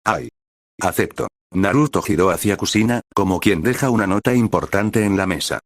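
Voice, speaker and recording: Male narrator for a fan-story reading, deep voice, dry close sound. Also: fairly quick, dry recording. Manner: even, descriptive storytelling. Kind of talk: dramatized fan-fiction reading.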